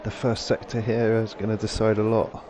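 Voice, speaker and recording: A man doing excitable live play-by-play of a sim race with quick reactions to the action. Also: on the low side. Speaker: race co-commentator. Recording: stream audio with clear background noise.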